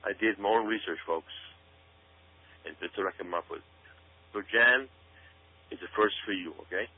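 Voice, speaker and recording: Speaking at a normal speed in a lowish voice, a man gives conspiracy-minded commentary as a radio guest. He hammers his points home by repeating words and phrases, and the recording sounds narrow, like a phone line on the radio.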